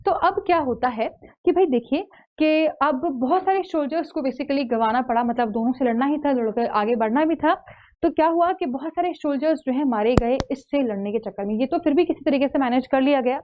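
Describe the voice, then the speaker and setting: An Indian woman teaching English in an online exam-prep lecture. She explains slowly and keeps checking in with her students. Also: high voice, dull audio. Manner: explains slowly, checks in with "theek hai?" after each point.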